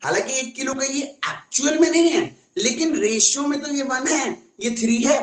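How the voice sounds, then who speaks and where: A man's voice: very high voice, animated, normal speed, roomy sound, poor audio. A man teaching a casual online maths class in a chatty way, often asking his students questions.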